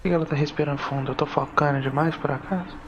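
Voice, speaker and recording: A man's voice: on the high side, little pitch movement, rapid-fire, lo-fi sound, slight background noise. A Brazilian man giving casual gameplay commentary, muttering to himself in an exasperated, slangy way. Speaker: gaming video host.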